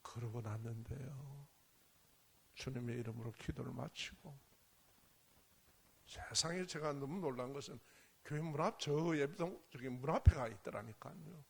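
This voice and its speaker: A male pastor preaching a sermon as a personal testimony, telling his story dramatically and swinging between hushed whispers and loud bursts. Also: mid-range voice, normal speed, vocal fry, pauses often, husky.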